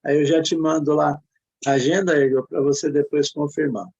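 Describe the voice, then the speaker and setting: A man's voice: on the high side, steady tone, normal speed, gravelly, a little mellow, husky. A man with a Brazilian Portuguese accent hosting a casual online chat, hesitant and encouraging, full of filler words. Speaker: host. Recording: muffled lo-fi audio.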